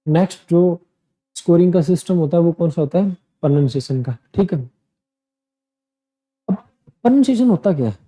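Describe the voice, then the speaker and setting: A man's voice: fairly high pitch, lively intonation, normal speed, pauses often, dark tone, rough recording. A man coaching students through an English exam, explaining things directly and repeating points as a teacher. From India. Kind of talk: classroom lesson explaining exam tasks.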